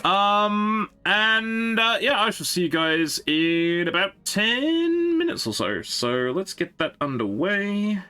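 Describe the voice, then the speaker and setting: Lively, bright-voiced man streaming a game. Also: high-pitched, slow, hardly any pauses, clean tone, soft background music. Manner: rambling and chatty, thinking aloud to viewers. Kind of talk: casual live-stream chat.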